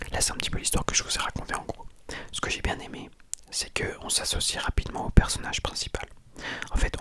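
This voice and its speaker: A person speaking in a hushed, breathy library whisper, telling and reviewing a book informally for ASMR. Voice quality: soft, breathy unvoiced whisper. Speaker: ASMR content creator.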